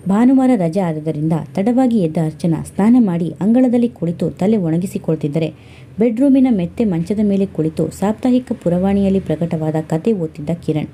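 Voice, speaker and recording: A woman narrating a scripted family story in a steady, expressive reading. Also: on the low side, normal speed, a little hiss or hum.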